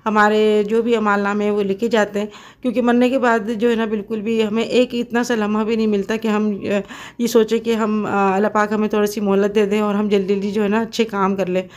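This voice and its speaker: A woman's voice: mid-range voice, flat delivery, brisk, darkish tone. A middle-aged woman from Pakistan talking casually to her viewers in a home kitchen while cooking, chatty and devout, with many fillers. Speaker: cooking vlogger.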